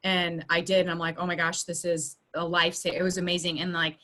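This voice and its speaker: A woman's voice: on the low side, flat delivery, fast, sharp tone. A woman working as a school social worker, talking in a rambling way with many restarts during a video meeting. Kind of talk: casual video meeting chat. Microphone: video call.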